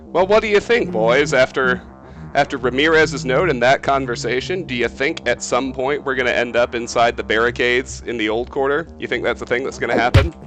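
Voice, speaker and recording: A man's voice: mid-range voice, fairly quick, music in the background, low-quality recording. A man giving offhand, conversational commentary as he plays through a video game. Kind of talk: casual playthrough commentary.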